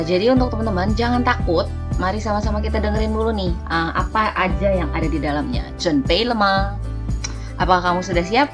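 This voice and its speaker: A woman from Indonesia giving a relaxed, chatty language lesson, full of fillers and slowly spoken example words. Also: on the low side. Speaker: language teacher. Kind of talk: casual vlog-style language lesson.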